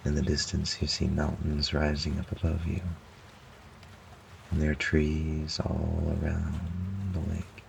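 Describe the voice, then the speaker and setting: Really low creaky guy doing a guided meditation, calm n soothing, lots of pauses. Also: a little hiss or hum. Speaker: host, guided meditation narrator. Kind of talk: guided imagery relaxation narration.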